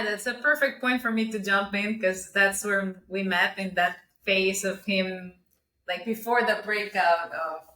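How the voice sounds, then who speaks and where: A young woman, a podcast guest telling her story in an animated way. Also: lowish voice, slight background noise. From Costa Rica. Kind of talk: casual interview. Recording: echoey room.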